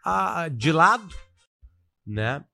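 A man's voice: on the high side, very animated, very slow, vocal fry, bright, forceful tone, soft background music. Frank teasing podcast man. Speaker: comedy podcast co-host. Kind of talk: casual comedic banter.

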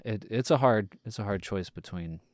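Man, lowish voice, casual podcast film chat, rambling, lots of fillers, trailing off, dry close sound. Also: normal speed, darkish tone, no echo. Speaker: podcast co-host.

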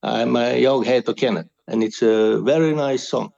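Hesitant man, mellow voice. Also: mid-range voice, vocal fry, highs cut off. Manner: hesitant, searches for English words. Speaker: interviewee, pilgrim. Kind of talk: casual chat.

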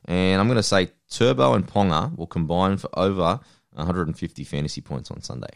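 Low-voiced Australian man hosting. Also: a little fast, vocal fry, dry recording, studio quality. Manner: relaxed, chatty, runs the segments. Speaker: podcast host. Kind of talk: casual sports fantasy chat.

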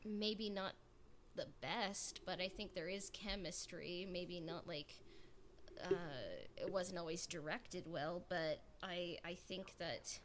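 On a podcast panel of fans chatting casually, a woman with a lowish, slightly bright voice speaks slowly. She feels out her opinions in short, hesitant bits, saying "like" a lot, and background noise is clearly audible.

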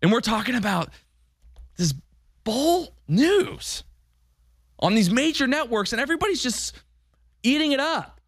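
A man's voice: extremely high pitch, lively intonation, unhurried, long pauses, a bit bright, dry recording, clean studio sound. An American man hosting a political talk show, delivering an indignant, paranoid-sounding conspiratorial rant with a sarcastic, mocking edge.

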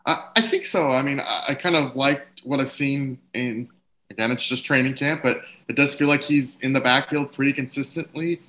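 A man's voice: mid-range voice, normal speed, bright, forceful tone. A man giving casual sports analysis as a panelist, in a tentative, hedging way. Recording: faint background ambient noise.

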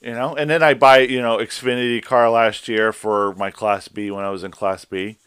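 A man's voice: mid-range voice, normal speed, clear, resonant tone, no room sound, clean studio sound. A man co-hosting a racing podcast, chatting casually and ranting with swears. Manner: animated ranting, swears freely. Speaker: podcast co-host. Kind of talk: casual chat.

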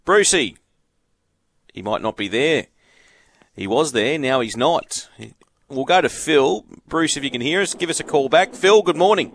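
A man's voice: on the high side, animated, normal speed, no room sound. A man hosting a talkback sports radio show, chatty and repeating words as he takes calls. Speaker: radio host.

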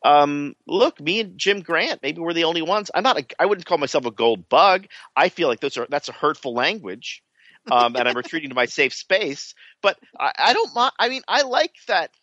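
Joking podcast guy, bright voice, kinda high, lively, dry dull recording. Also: moderate pace, no echo. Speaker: podcast co-host. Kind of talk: casual political chat.

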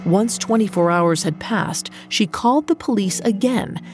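A woman hosts a true-crime show in scripted narration, with music running underneath. Her delivery is measured and suspenseful, telling the story like a crime show narrator at a middling pitch. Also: animated. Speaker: podcast host and narrator. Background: background music.

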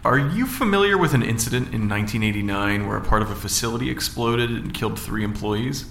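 A man voices an unsure male amateur investigator in a radio drama, hesitant and probing with a weary edge. His low voice has a gravelly fry. The sound has a roomy echo. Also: quick pace, fairly bright tone, slight background noise. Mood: wary.

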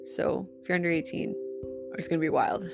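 A woman's voice: low-pitched, brisk, gravelly, loud music behind the voice. Giggly Utah-accented young woman podcaster. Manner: candid, giggly, swears freely. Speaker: podcast host. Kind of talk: casual solo podcast chat.

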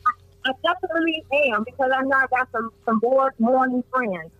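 Phone-in caller: middle-aged woman, bright voice, distant and dry over the line. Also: high voice, no room sound, faint music behind. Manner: gushing, halting with fillers. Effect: heard over a phone line. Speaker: caller, mother of a host. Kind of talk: call-in chat.

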